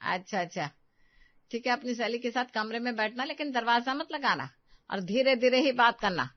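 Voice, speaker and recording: A woman acts out a domineering middle-aged mother-in-law in a storybook tale, barking orders loudly in a high-pitched voice. She keeps scolding, with no warmth at all. The sound is close, dry and a little dull. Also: expressive, moderate pace, no room sound, natural voice. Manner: scolding, loud and commanding.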